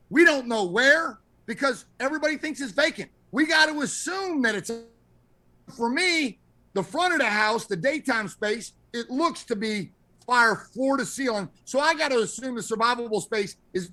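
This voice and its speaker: Bright, high-pitched male fire instructor. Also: animated, brisk. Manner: emphatic, blunt, instructive. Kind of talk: training commentary over incident video.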